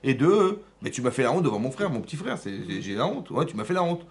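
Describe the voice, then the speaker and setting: A man's voice: mid-range voice, sing-song, fast. A man voicing an indignant elder brother. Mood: aggrieved. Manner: aggrieved, self-justifying.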